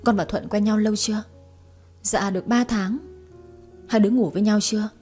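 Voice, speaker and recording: A woman's voice: medium pitch, fairly even intonation, brisk, mellow, soft background music, close to an everyday voice. A woman reading a meek young daughter. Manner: meek, pleading. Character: frightened young adult daughter, about twenty.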